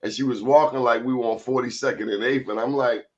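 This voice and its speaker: A man's voice: mid-range voice, fairly even intonation, fast talker, muffled recording. A man hosting a talk show, telling comic stories in casual, colloquial, exclamatory chat.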